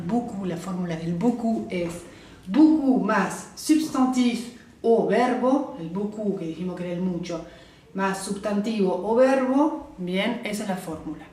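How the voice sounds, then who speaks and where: A woman gives a French lesson to her viewers. She models each French word slowly and carefully and keeps checking that they follow. Her voice sits at a middle pitch, and the room adds a clear echo. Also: warm tone. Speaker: French teacher. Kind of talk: explaining grammar to the camera. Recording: echoey room.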